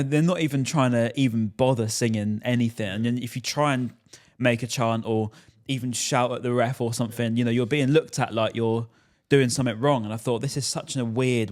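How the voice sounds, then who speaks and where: A man's voice: medium pitch, fairly quick, few pauses, darkish tone. A man hosting a casual football chat, talking in long rambling stretches full of restarts. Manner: chatty, rambling, lots of restarts and "you know". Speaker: podcast host.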